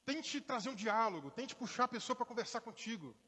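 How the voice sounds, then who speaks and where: A Brazilian pastor, born in Rio and raised in inland Minas Gerais, delivers a sermon in a mixed accent that leans Minas. His husky voice sits fairly high for a man and moves a little fast as he chats with the congregation in a relaxed way, acting out short quotes. The long reverb of a church hall surrounds him.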